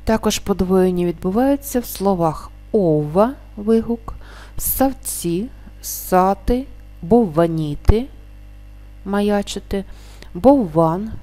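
A woman teaching a grammar lesson, stating each rule and then slowly and carefully sounding out the example words. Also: medium pitch, animated, warm tone, faint music behind.

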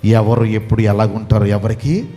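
A male pastor, preaching a sermon, swinging from quiet pleading to shouting and repeating questions to the congregation. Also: on the low side, steady tone, moderate pace, faint music behind.

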